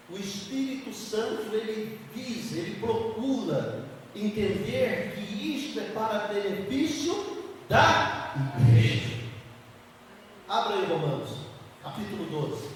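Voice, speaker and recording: A man preaching a sermon as an evangelical bishop, emphatic, asking the congregation questions and answering them himself. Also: sits high. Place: church hall. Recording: echoey hall from far off, faint noise.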